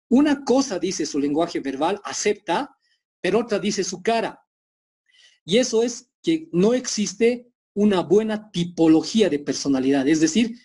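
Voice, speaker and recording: A Bolivian man teaches over a video call in a firm, lecturing tone, slipping into quick acted-out exchanges. His voice sits high and sounds a little husky. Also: a little mellow. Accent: Bolivian Spanish. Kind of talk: online class lecture.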